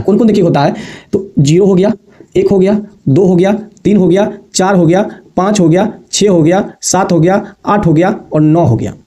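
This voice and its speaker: A man's voice: high-pitched, dark tone. A man teaching a basic maths lesson to students, repeating points patiently and calling them affectionately. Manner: repetitive, addresses students as babu and bachchon.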